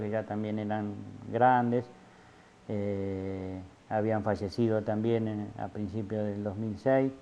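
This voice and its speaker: A man's voice: fairly low pitch, dark tone. A middle-aged man from Santa Fe with an Argentine accent, telling his story as an artisan with many fillers and restarts. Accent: Argentine Spanish. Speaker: filete artisan. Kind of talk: casual interview testimony. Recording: dull lo-fi audio.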